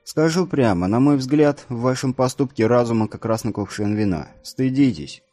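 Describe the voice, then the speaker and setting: A man reading an audiobook, voicing a small, calm, stern bearded warrior who speaks firmly. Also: medium pitch, normal speed, close to an everyday voice.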